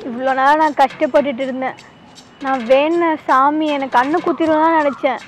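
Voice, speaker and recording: A woman's voice: high-pitched, steady tone, fairly quick, slight background noise. A young woman acting in a comedy skit, talking in a tearful, wheedling way. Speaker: comic actor. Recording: music over the scene.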